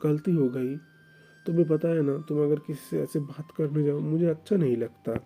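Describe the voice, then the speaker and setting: A man voicing a possessive young fiancé who talks in a soft, coaxing, soothing way. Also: a little high, steady tone, normal speed, slightly rough.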